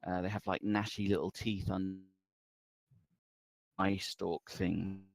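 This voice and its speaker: A man's voice: low voice, level tone, slow, gravelly, dry recording. A man narrating as game master over a voice call whose audio keeps breaking up and glitching, hesitant and full of fillers as he describes the scene.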